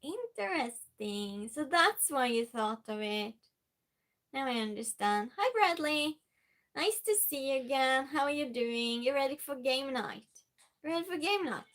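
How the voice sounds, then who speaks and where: A native Norwegian speaker with a Norwegian accent chats casually on a live stream, reading viewer messages aloud with lots of fillers and restarts. Her voice sits high and is animated, a little slow, and fairly bright.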